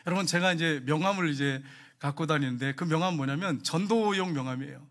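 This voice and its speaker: A male pastor preaching a sermon, telling stories in an animated way and speaking directly to his congregation. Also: fairly high pitch, fast. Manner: animated storytelling, addressing the congregation.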